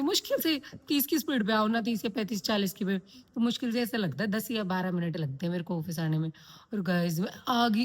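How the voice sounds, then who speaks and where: Chatty woman vlogging her day. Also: medium pitch. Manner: chatty, storytelling, mixes English words into Hindi. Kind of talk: casual daily vlog. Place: home, then office.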